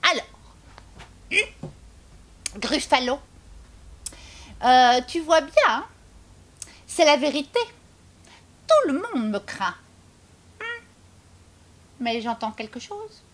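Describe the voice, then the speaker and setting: Lady doing a squeaky cocky little storybook mouse, high and bouncy, teasing. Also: lively intonation, very slow, pauses often, fairly bright tone, a little hiss or hum, heavily acted. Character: small clever boastful mouse. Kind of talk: children's storybook reading.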